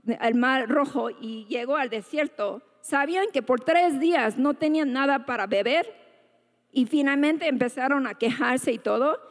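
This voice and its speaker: A woman giving an earnest testimony sermon at church, talking conversationally and often tagging her sentences with little questions. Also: sits high. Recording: long reverb of a large hall.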